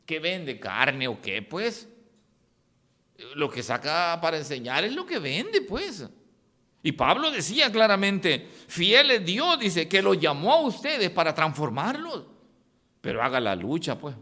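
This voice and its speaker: A male pastor preaching a sermon, animated, with sudden swings in his voice. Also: a little high, a little slow. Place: church hall. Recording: echoey church hall.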